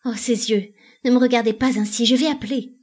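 A woman's voice: mid-range voice, normal speed, lightly acted. A woman voicing an anguished married woman in a dramatic play reading, pleading with panicked outbursts. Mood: terrified.

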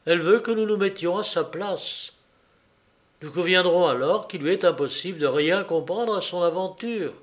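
A man reading a literary novel aloud in a measured, wry and reflective storytelling manner. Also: sits high. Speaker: audiobook reader. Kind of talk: literary audiobook narration.

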